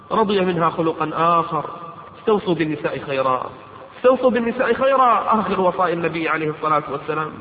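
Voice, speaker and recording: Male preacher, impassioned and pleading, brisk delivery; echoey hall, tinny phone-like recording. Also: high-pitched. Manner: impassioned, pleading appeals to the listener. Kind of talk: sermon.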